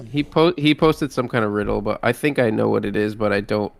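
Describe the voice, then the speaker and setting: A man's voice: lowish voice, normal speed, creaky, no echo. A man co-hosting a casual podcast chat, joking and teasing the others in a sleepy way. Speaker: podcast co-host.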